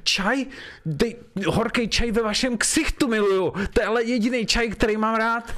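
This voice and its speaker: A man playing a furious, fed-up office employee who rants at his boss in a strained, high voice. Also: expressive. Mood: enraged. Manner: shouting insults, high-pitched outrage.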